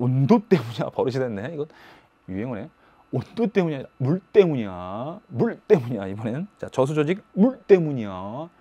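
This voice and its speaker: A man teaching a high school biology lecture in a lively, playful way, breaking into sudden shouts and silly voices.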